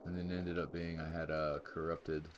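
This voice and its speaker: Deep-voiced man rambling through a game. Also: flat delivery, moderate pace, lo-fi sound, background noise. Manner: rambling, thinking aloud, with exclamations. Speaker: streamer. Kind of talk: casual gameplay commentary.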